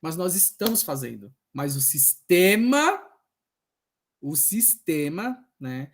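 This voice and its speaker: A man's voice: on the high side, slow. A man with a Brazilian accent, a social worker at a health unit, telling work anecdotes at an open class and acting out the voices he quotes. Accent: Brazilian Portuguese. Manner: animated storytelling, acts out quoted voices.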